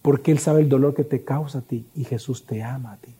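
A man's voice: medium pitch, a little fast, dark tone, husky, in a large hall. A man preaching a sermon as pastor, addressing the congregation with rhetorical questions.

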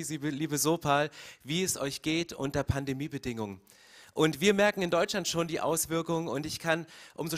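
Male pastor with a high voice, passionate sermon delivery, stumbling and repeating words as he builds. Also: fairly bright tone. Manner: impassioned, acts out quoted prayers with rising emotion; repeats words when searching, direct address to listeners.

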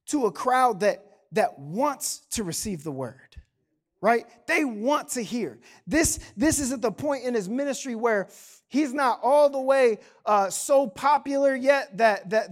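Man, 30s, pastor; conversational sermon voice, slangy storyteller. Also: very high-pitched. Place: church sanctuary.

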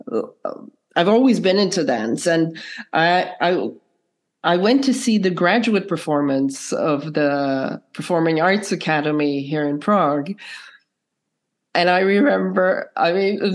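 A woman with a croaky, froggy voice, hoarse from a cold, telling her story casually as an interview guest. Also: on the low side. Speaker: podcast guest, filmmaker and choreographer.

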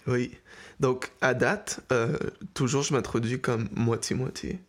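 A man's voice: medium pitch, measured pace. A young man from Mexico, half Canadian, answering interview questions casually, with fillers and restarts. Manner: relaxed, hesitant, with fillers. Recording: faint music behind.

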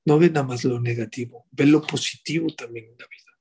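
Husky-voiced man preaching with rhetorical questions. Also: medium pitch, fairly quick, mellow. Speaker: rabbi. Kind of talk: sermon.

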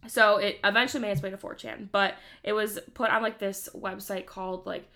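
A woman's voice: mid-range voice, steady tone, fairly quick, sharp tone. A young woman co-hosting a casual podcast, talking in an easy mid-range voice. She giggles and curses freely as she tells a spooky story. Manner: giggly, cursing, chatty storyteller. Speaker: podcast co-host.

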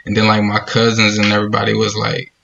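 Easygoing gravelly young man from Ohio. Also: on the low side, monotone, fast, pushed and bright, dull audio, a little hiss or hum. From Dayton, Ohio, US. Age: 20s. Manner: easygoing slang-heavy talk, says "man" a lot. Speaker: podcast guest, music producer. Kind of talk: casual podcast chat.

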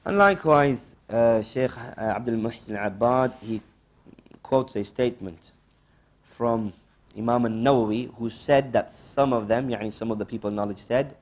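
A man giving a religious lesson as a teacher, didactic and questioning, repeating key phrases with pauses and mixing Arabic quotations into English. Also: mid-range voice. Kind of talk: religious lesson, quizzing listeners and explaining.

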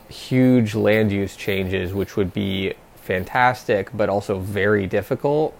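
A male caller from West Virginia with a fairly low voice full of vocal fry. He sets out his question for the show in measured, orderly phrases. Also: a little mellow. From West Virginia, United States. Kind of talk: prepared listener question.

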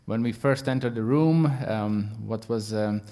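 A guest preacher whose first language is Latvian delivers a sermon in halting English with a Latvian accent. He's earnest and uses lots of fillers, and his voice is fairly low and mellow.

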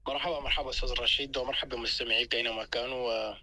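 A male interview guest with a Sudanese accent offers unscripted political analysis. His voice is bright and forceful, and he speaks fast in bursts, often stalling to repeat a word while he finds his phrasing. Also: medium pitch, fairly even intonation. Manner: halting, repeats words while searching for phrasing.

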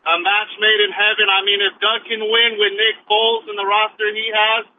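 A man's voice: high-pitched, flat delivery, normal speed. An American man calling in to a sports radio show as a fan, speaking informally over the phone. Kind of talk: informal fan call-in talk. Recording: narrow phone line, faint noise.

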